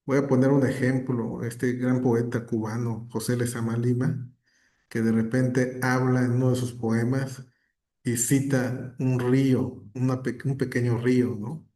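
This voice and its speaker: A man's voice: medium pitch, flat delivery, unhurried, warm tone. A man speaking as an academic guest in a conversational talk, reflective, often tagging his points with questions. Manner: reflective, gives examples, frequent tag questions.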